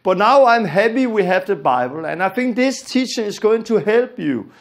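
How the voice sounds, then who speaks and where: Man, Danish accent, fairly high voice, gravelly, earnest Bible teacher, emphatic, repeats points. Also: sing-song, normal speed. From Denmark. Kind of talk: recorded Bible lesson.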